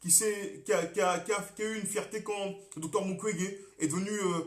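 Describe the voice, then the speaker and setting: A young Congolese man, a political activist, talking on a live stream with passion, repeating himself and swinging between loud and quiet. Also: high-pitched, fairly even intonation, brisk, reverberant. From Congo (DRC). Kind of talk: monologue on a Facebook live stream.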